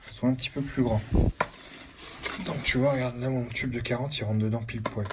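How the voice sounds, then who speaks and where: Male tradesman, plumber type, mid-pitched, talking loosely to camera while he works, recorded on a handheld phone with clear site noise and clicks behind him. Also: steady tone, brisk. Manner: chatty and informal, keeps saying "tu vois" to the viewer. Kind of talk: casual on-the-job how-to. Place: indoor building site under renovation. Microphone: phone held in hand while working.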